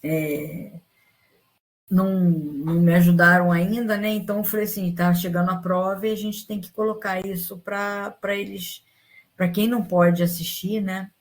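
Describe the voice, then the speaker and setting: A woman's voice: mid-range voice, steady tone, normal speed. A woman teacher talks her class through a lesson over an online call. She rambles and stops herself mid-sentence, then starts over. She checks in with her students after almost every point to keep them with her. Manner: rambling, frequent fillers and restarts.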